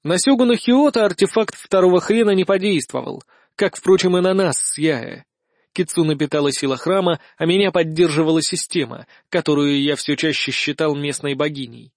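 Male audiobook narrator, fairly high voice, lively and ironic, dry close studio sound. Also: moderate pace, no echo. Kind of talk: first-person audiobook narration.

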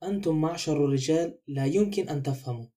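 Male narrator as a wary, guarded housemaid, mellow and brisk. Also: fairly high pitch, natural voice. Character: reserved, wary woman housemaid.

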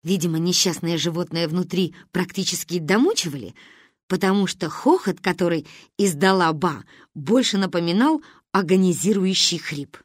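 A woman narrating a humorous story with lively, expressive delivery. Her pitch moves widely through every sentence, and the recording is close and dry with no room echo. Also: moderate pace. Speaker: audiobook narrator.

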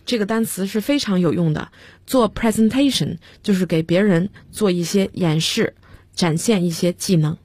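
A woman with a slightly husky voice gives a radio English vocabulary lesson. She spells each word slowly, letter by letter, and explains it with examples. The sound is dry and close, with no room around it. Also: lowish voice, a little mellow, no room sound. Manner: spells words out letter by letter, slow and careful. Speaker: English teacher.

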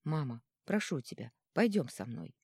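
A woman's voice: low voice, normal speed, breathy edge, no echo, clean studio sound, full character voice. Woman reading as an earnest, resolute young man. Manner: earnest and steady. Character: young man standing up to his father, resolute.

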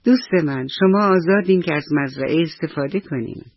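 Guy reading a scared little scarecrow, kinda husky and high, dull dry radio sound. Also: dry recording. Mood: kind. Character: timid scarecrow who grows brave.

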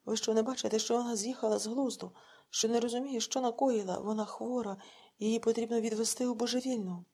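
A woman voicing a frightened, gentle young village woman who speaks earnestly and pleads. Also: on the high side, steady tone, quick pace, husky. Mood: earnest pleading.

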